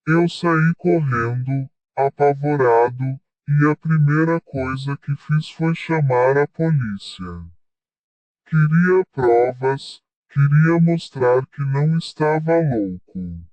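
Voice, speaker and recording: A man's voice: on the high side, slow, a little mellow, no room sound, recorded from a distance, rough recording. A man in his thirties telling a scary first-person account, his voice altered by a voice changer. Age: 30s. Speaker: interviewed witness.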